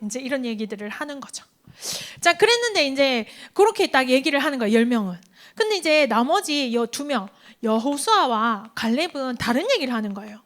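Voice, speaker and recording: A woman preaching a sermon to a youth group, telling stories in an animated way, acting out the quoted voices and asking the listeners questions. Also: sits high, a little fast. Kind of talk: sermon to teens.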